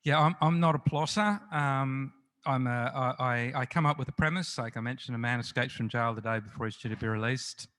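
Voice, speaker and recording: A man's voice: mid-range voice, a little fast, fairly bright tone. Chatty middle-aged man telling stories. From Australia. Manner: chatty, self-deprecating, full of restarts and fillers. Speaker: crime novelist guest. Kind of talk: festival interview, anecdotal storytelling.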